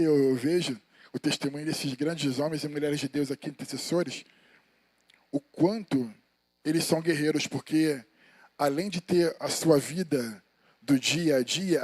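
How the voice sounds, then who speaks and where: A man's voice: on the high side, darkish tone, breathy edge, dry recording. A Brazilian man preaching an informal sermon in a church, telling personal stories in a colloquial way and calling the listeners brothers. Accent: Brazilian Portuguese. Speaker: evangelist preaching. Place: church sanctuary.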